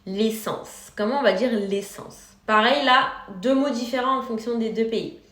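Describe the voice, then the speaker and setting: Woman teaching english vocab, takes it slow, higher voice, bit of room echo. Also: a bit bright. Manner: slow, clear, repeats words for learners. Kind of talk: vocabulary lesson.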